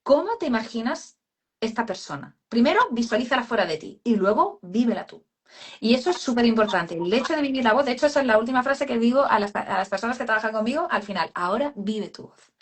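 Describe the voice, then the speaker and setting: A woman's voice: a little high, expressive, fast talker, slightly rough. A woman speech therapist explaining voice work in a casual live chat, calling people "cariño". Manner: explanatory, addresses listener as cariño.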